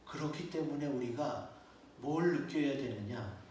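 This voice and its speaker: A man's voice: mid-range voice, measured pace, darkish tone, a little hiss or hum. A man preaching a sermon as a pastor, speaking conversationally and asking his congregation rhetorical questions. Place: church sanctuary. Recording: echoey church hall, mic at a distance.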